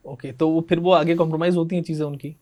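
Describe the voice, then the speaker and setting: A man's voice: a little high, steady tone, quick pace, darkish tone. A man hosting a casual podcast, asking probing follow-up questions and addressing his guest in a casual, familiar way. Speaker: podcast host, interviewer.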